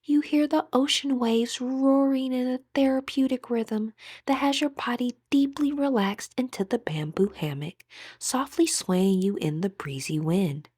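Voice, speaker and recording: A woman with a fairly high, husky voice guides listeners through a scripted meditation, soothing and deliberate, often softening into breathiness. She's recorded close on a voice-over mic with no echo.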